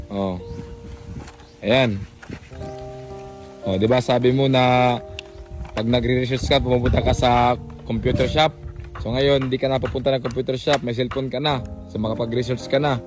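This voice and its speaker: A young adult man hosting a casual vlog, coaxing and repeating short phrases again and again. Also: medium pitch. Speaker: vlogger host.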